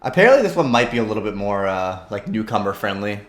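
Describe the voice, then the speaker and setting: A man's voice: lowish voice, very animated, quick pace, crowd noise. A man chatting casually about games on a podcast. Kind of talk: casual gamer chat. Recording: echoey room.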